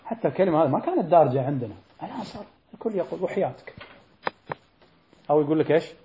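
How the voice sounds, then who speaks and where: Fast-talking religious teacher. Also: male voice, a little high, animated, warm tone, slight background noise. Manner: colloquial, poses rhetorical questions to listeners. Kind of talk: explaining a religious text in a lecture. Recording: dull lo-fi recording.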